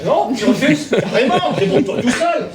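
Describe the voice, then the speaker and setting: A man's voice: very high voice, sing-song, normal speed, a loud crowd. An actor playing a gleeful, mocking male friend on a theatre stage, gloating and crowing. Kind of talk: amateur stage farce acting. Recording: echoey hall, far mic, faint noise.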